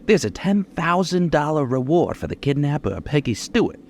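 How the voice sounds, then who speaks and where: A man with a fairly high, sing-song voice speaks at a normal speed, sounding a little mellow over slight background noise. Acting in an old-time radio crime drama, he plays a bitter, cocky gunman telling his life story with taunting, menacing slang and a smug attitude.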